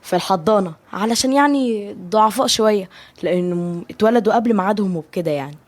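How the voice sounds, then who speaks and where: A woman with an Egyptian Arabic accent voicing a protective, loyal young man, steady and reassuring. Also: mid-range voice, quick pace, dry recording, natural voice. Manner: steady, reassuring, provoking on the phone.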